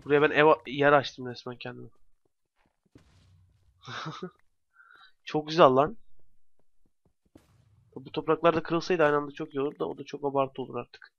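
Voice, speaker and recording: A man's voice: a little high, fairly even intonation, normal speed, gravelly, pauses often, a bit bright, no room sound. A young man giving casual let's play commentary, talking to himself with bursts of exasperation. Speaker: gamer commentator. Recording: dry, dull lo-fi home mic.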